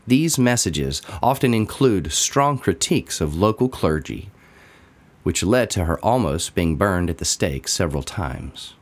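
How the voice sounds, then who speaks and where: A low-pitched man reads a daily devotional slowly from a script, measured throughout yet animated. He sets each phrase apart with deliberate pauses.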